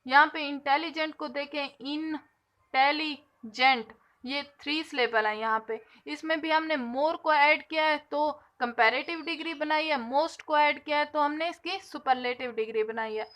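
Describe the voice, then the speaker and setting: High-voiced woman teaching English grammar. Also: fairly bright tone. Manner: patient, stretches out example words slowly. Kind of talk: grammar lesson explanation.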